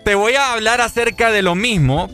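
A man's voice: sits high, moderate pace, pushed and bright, soft background music. A man hosting a call-in radio show, joking and teasing callers. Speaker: radio host.

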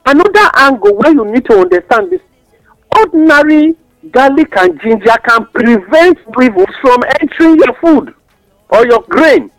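A man's voice: very high voice, expressive, moderate pace, a bit bright, no room sound, faint music behind, low-quality recording. A man with a Nigerian accent explaining things in West African Pidgin English, teaching through examples and rhetorical questions as a radio guest giving advice.

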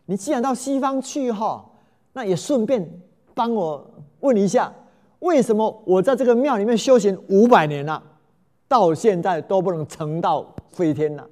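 A man's voice: sits high, normal speed, mellow, big-room sound, natural voice. A man voicing an old monk who has trained for centuries, exclaiming in a raised voice. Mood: pleading.

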